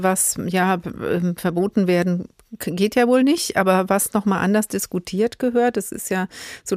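A woman's voice: medium pitch, a little mellow, no room sound, clean studio sound. A woman presenting a radio culture program, interviewing and introducing segments in a conversational way. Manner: conversational, searching for words in questions. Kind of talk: radio culture magazine moderation.

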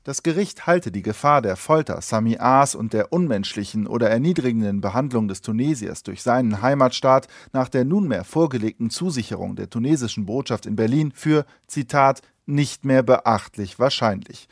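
A man's voice: mid-range voice, expressive, normal speed, few pauses, no echo, studio quality. A man reading a factual radio news report. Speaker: radio correspondent.

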